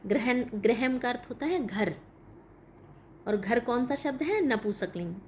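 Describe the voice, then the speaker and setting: A woman's voice: a little high, lively intonation, a little slow. A woman teacher explaining a school lesson, asking questions and answering them herself. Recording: dull lo-fi recording with faint noise.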